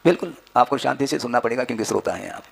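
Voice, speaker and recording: A man's voice: mid-range voice, lively intonation, very fast, gravelly, breathy edge. A man giving a spiritual discourse as a wise religious teacher, instructing his listeners with rhetorical questions and repeated phrases.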